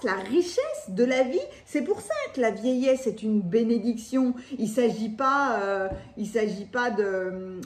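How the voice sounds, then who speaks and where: High-voiced woman with a lisp, echoey room. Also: a little mellow. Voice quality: lisp on s sounds. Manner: enthusiastic, exclamatory. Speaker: tarot card reader. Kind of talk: spontaneous, chatty tarot reading to viewers.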